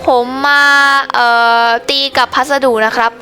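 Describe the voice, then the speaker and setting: A woman's voice: measured pace, pushed and bright, soft background music. A woman voicing a polite, uneasy male delivery man in a shop game, speaking in a hesitant way. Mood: wary.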